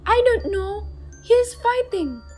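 A woman voicing a frightened young mother who gently comforts her small son in a storybook reading. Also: very high-pitched, expressive, unhurried, soft background music, pitched above the performer's own voice. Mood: tender. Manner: soft, tender, soothing.

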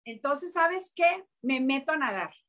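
Woman, Mexican accent, middle-aged, high voice, animated storytelling, repeats and restarts. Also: a little slow. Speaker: interviewee, network marketing leader. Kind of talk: emotional personal story in an interview.

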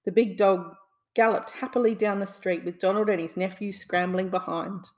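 A woman reading a children's bedtime story aloud in a gentle, soothing storyteller manner. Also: mid-range voice, steady tone, normal speed.

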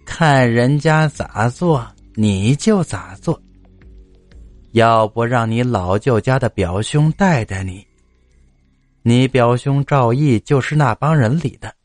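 A man voicing a doting, worried widowed mother near seventy who talks slowly and coaxingly in a told story. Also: mid-range voice, expressive, no echo, faint music behind. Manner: slow, pleading, coaxing.

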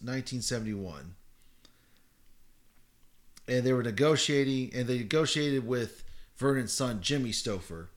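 A man co-hosting a podcast, retelling a story in a casual, rambling way, full of fillers and self-corrections. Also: medium pitch. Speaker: podcast co-host.

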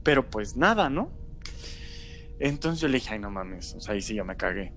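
A storyteller guest with a Mexican Spanish accent tells a casual story in relaxed, slangy speech, leaning heavily on fillers like "este" and tag questions like "¿no?". His mid-range voice moves at a normal speed, and his delivery is animated and conversational. Faint music plays behind him.

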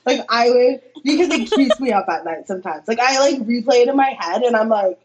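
Young woman, high-pitched voice, chatty storytelling, giggly, lots of fillers. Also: expressive, a little fast, a little mellow. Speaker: podcast guest. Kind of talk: casual storytelling.

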